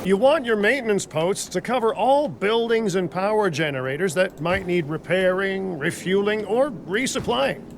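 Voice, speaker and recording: An actor playing a flippant, self-serving dinosaur park boss in a video game, glib and joking. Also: male voice, high voice, lively intonation, moderate pace, hardly any pauses. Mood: instructing. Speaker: park boss giving instructions. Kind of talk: video game character dialogue. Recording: clear vehicle and outdoor ambience noise.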